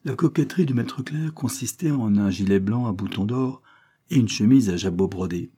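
A man narrating an audiobook in a measured storytelling manner. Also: lowish voice, mellow, slightly rough. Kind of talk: scripted narration.

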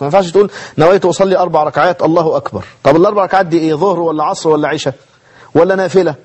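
A man's voice: high-pitched, darkish tone, husky. A man with an Egyptian accent teaching a televised religious lesson, mixing classical and colloquial Arabic and asking and answering his own questions. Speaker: teacher of Islamic jurisprudence. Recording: broadcast studio recording.

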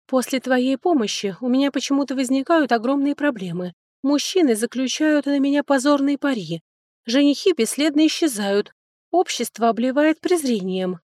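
A woman's voice: high-pitched, animated, a little mellow, dry recording, studio quality, pitched above the performer's own voice. A woman reading an audiobook, voicing a sarcastic, touchy young noblewoman who mocks her older sister. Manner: mocking, biting, quick to snipe.

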